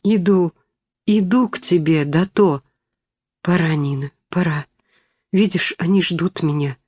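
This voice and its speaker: A woman's voice: lowish voice, a little slow, breathy edge, dry recording. A woman reading as a frail dying boy. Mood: fading, tender. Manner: soft, weak, hushed speech. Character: frail dying young boy, gentle, yearning.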